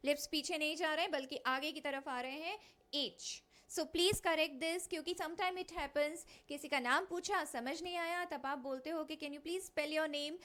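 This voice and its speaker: A woman's voice: high-pitched, a bit bright. A woman teaching an English grammar lesson for exam prep, mixing Hindi and English, explaining step by step and drilling pronunciation by repeating words. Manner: mixes Hindi and English, addresses students directly.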